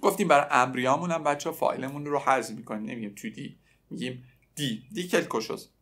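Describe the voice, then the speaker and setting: A man leads a relaxed language lesson, speaking as if to his students. His pitch sits in the middle for a man, and he slows right down whenever he repeats a French phrase for the learners to copy. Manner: explains in Persian, then repeats French phrases slowly. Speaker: French teacher.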